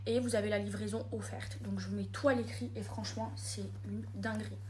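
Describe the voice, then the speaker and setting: A woman's voice: medium pitch, steady tone, fairly quick, a little mellow, slight background noise. A young woman chatting enthusiastically to her followers in a casual vlog. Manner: chatty, enthusiastic, addresses viewers as girls. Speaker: vlogger.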